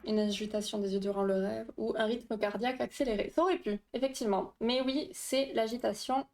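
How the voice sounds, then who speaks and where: A woman's voice: a little high, steady tone, fairly quick, a little mellow. A woman hosting a casual livestream, explaining dream science with a quiz, chatty and laughing often while reading chat aloud. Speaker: livestream host.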